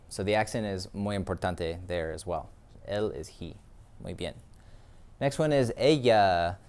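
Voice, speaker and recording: A man's voice: lowish voice, darkish tone, clear, resonant tone. A man teaching Spanish pronouns in a lesson video, explaining patiently with many ums and uhs. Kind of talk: classroom lesson.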